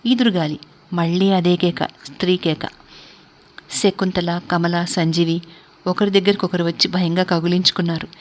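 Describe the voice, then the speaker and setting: A woman storyteller reading a story aloud in a steady, measured way. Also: on the low side, slight background noise. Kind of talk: scripted narration of a story.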